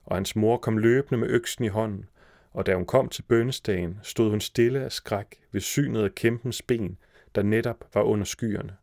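A man reading a fairy tale aloud as a podcast storyteller, in a steady narrating voice. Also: fairly low pitch, creaky, dry recording, studio quality.

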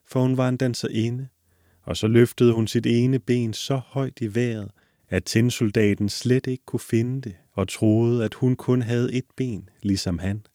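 A man reading a classic fairy tale aloud in a calm, measured storytelling manner. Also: medium pitch, dry recording, clean studio sound. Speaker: narrator.

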